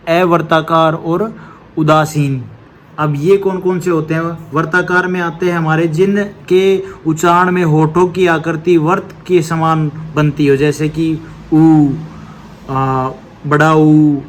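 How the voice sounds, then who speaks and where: Fairly high-voiced male grammar teacher. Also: steady tone, unhurried, slight background noise. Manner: asks rhetorical questions and answers them; tags points with a checking "okay". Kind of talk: exam-prep grammar lesson.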